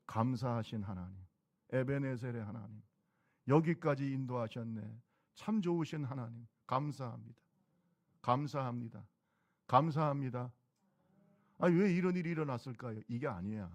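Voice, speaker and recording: Gravelly middle-aged male pastor preaching. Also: medium pitch, darkish tone. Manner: exhorting, repeats calls to the congregation. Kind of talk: sermon.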